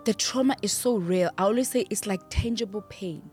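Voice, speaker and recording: A young woman, a podcast guest, speaking in a heartfelt, halting way about loss, with soft music underneath. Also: medium pitch. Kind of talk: emotional interview.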